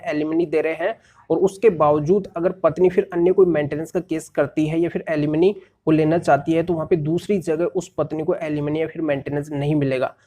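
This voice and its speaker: A man's voice: fairly high pitch, dark tone. A male lawyer explaining a court ruling step by step and rephrasing legal terms in plain words.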